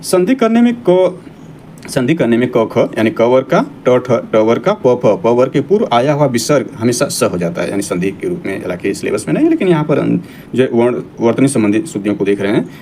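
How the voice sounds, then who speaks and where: A man's voice: mid-range voice, animated, quick pace, mellow, slight background noise. A man teaching an exam-prep grammar lesson, explaining each point, rephrasing it and reading out long lists of example words.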